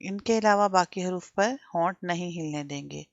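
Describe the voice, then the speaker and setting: Patient woman teacher, slightly low voice, drills letters by repetition, dry close sound. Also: normal speed, dry recording, lo-fi sound. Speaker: Quran teacher.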